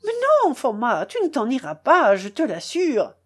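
A woman's voice: fairly high pitch, big pitch swings, measured pace, darkish tone. A woman reading the part of a remorseful male colonel in a storybook, pleading and apologizing effusively. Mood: alarmed. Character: flustered, remorseful male colonel, eager to please.

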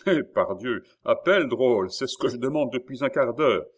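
Un homme jouant un jeune prince impétueux. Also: male voice, on the low side, very animated, measured pace. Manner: brash, mocking, shouts at the door. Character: bold young prince, cheerful and impetuous.

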